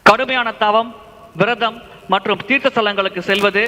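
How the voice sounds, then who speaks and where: A man translating a lecture sentence by sentence, in a fluent, steady delivery. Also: sits high, moderate pace, noisy background. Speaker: interpreter. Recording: reverberant hall.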